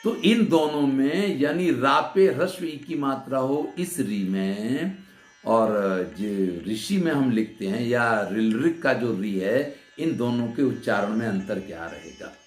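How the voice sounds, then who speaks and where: A man's voice: medium pitch, expressive, slow pace. A man teaching Sanskrit grammar in a lecture, patiently explaining and asking questions of his listeners before answering them. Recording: roomy echo with soft sitar music.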